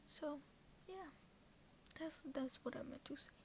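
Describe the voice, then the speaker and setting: A woman's voice: high-pitched, unhurried. A woman hosting her own podcast, rambling and self-conscious, often dropping into a half-whisper. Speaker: podcast host. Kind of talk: casual solo talk.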